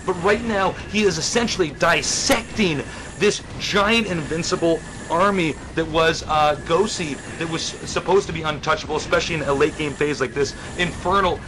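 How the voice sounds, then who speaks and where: A man doing live game commentary, excitable and stumbling over repeated words, his voice going hoarse. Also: fairly high pitch, normal speed, noisy background. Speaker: esports caster. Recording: music clearly behind. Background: background music.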